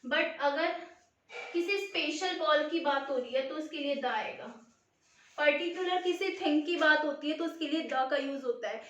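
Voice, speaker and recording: A woman teacher takes a class through a grammar lesson in a high voice. She is patient, saying words over slowly and answering her own questions. The recording rings with heavy room echo. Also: a bit bright. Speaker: school teacher. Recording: very echoey room.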